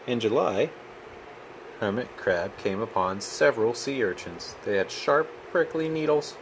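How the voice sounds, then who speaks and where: A man reading a storybook aloud to a child in an expressive, patient manner. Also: mid-range voice, a little slow, background noise. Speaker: children's book reader.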